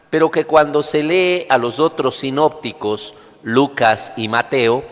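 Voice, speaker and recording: A priest reading the Gospel and preaching a homily at Mass in a slow, deliberate cadence, his voice carrying the long echoing reverb of a large church. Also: mid-range voice, fairly bright tone.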